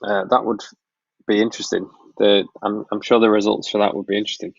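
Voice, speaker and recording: Reading chat questions aloud on a casual live-stream Q&A, a Blackpool wedding filmmaker rambles in a relaxed way, full of ums and restarts. He's a fast talker with a low, gravelly voice and a Northern English accent from Lancashire in northwest England. There's no echo, and the highs are cut off.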